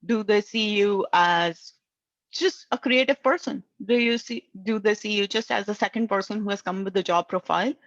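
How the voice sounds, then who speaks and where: In this advice talk, a career coach with an Indian accent, English being her second language, offers earnest networking tips and often ends her lines with "right?". Her mid-range voice moves at a moderate pace, and the recording is dry and dull.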